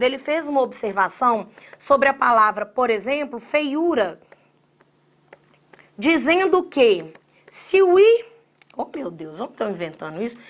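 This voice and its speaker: A Brazilian woman teaching grammar in an online exam-prep class, with a voice pitched a little high. She addresses her students directly and breaks words into slow syllables. Her delivery is lively and chatty. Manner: lively, talks straight to students, acts out their objections; spells words out slowly by syllable.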